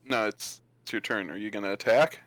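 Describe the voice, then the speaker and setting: Bright-voiced laid-back man running a game. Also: fairly low pitch, a little fast, no echo. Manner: laid-back, laughing, slangy. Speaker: dungeon master. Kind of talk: running a tabletop game on stream.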